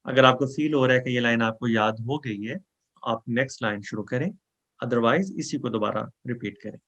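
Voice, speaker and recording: A man teaching Quran memorization, explaining recitation rules and reciting verses slowly for students to repeat, with English words mixed into his talk. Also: mid-range voice, fairly bright tone, muffled recording. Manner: mixes English words into speech.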